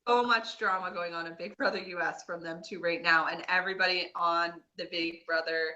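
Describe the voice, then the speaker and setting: A woman's voice: on the low side, fairly even intonation, fairly quick, pushed and bright, dull audio. A woman with a Nova Scotian Canadian accent co-hosting a podcast, chatting casually in a rambling, gossipy recap. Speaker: podcast co-host.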